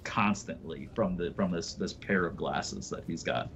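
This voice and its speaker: A man's voice: sits low, moderate pace, gravelly, fairly bright tone, lo-fi sound, slight background noise. A young man narrating as game master, rambling and full of fillers.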